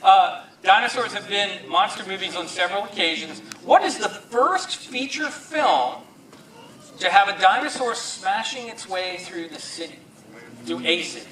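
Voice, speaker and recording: A man with a high, very animated voice hosts live horror movie trivia, bantering and joking as he goes. He is picked up from a distance in an echoey hall, with an audience behind him. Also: normal speed, a little hiss or hum. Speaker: quiz host. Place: large hall at a live event.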